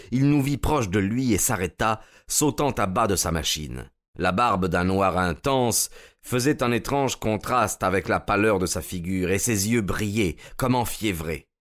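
A male audiobook narrator with a somewhat low voice, reading in a measured, steady way. His narration is scripted and unhurried, suited to a classic story.

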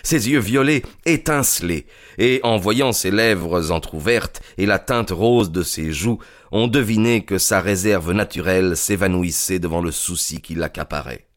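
A man narrating a classic detective story in a measured, even storytelling manner, close to the microphone. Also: deep voice, no echo. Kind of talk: audiobook narration.

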